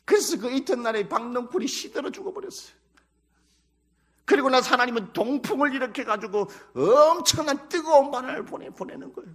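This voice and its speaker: A man's voice: very high voice, expressive, brisk. A male pastor preaching a sermon in a Chungcheong Korean accent, emphatic, breaking into dramatic acted prayers and quotes.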